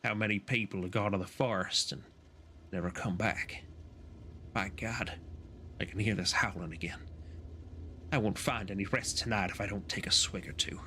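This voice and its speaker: A man doing a scared Southern drunk, low and hushed. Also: fairly even intonation, moderate pace, pauses often, a little hiss or hum. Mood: fearful. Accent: American Southern put-on. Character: frightened drunk Southern man writing a note.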